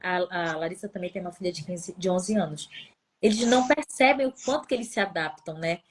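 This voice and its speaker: A Brazilian woman in her thirties with a Brazilian Portuguese accent, chatting on a live stream and telling family stories in a lively way. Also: fairly low pitch. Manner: chatty storyteller, quick and animated. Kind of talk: casual live chat.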